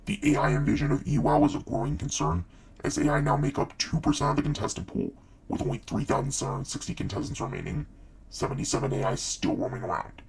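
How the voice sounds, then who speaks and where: A man using a voice filter to play an ominous male movie-trailer narrator, gravelly and breathy with the voicing stripped out. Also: fairly high pitch, huge pitch swings, fast talker, exaggerated voice, poor audio. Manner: dramatic, portentous announcing.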